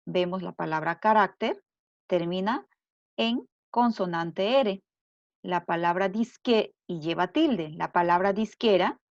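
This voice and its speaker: A woman teacher giving a recorded grammar lesson, explaining slowly and deliberately and repeating her examples. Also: mid-range voice, dry recording. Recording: dull lo-fi dry recording.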